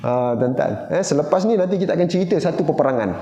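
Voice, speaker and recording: A man's voice: a little high, expressive, quick pace, warm tone. A man with a Johor Malay accent giving an evening lecture in a mosque. He tells stories, keeps calling out to the congregation and acts out the voices in them. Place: mosque hall. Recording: echoey hall, dull lo-fi sound.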